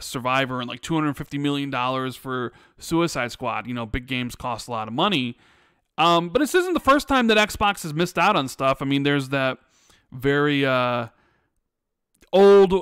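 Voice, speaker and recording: A man's voice: a little high, clean tone, dry recording, clean studio sound. A man hosting a gaming podcast, chatting casually and reading out viewer questions. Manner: relaxed, thinking aloud with fillers. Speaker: podcast host. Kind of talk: casual podcast chat, reading super chats.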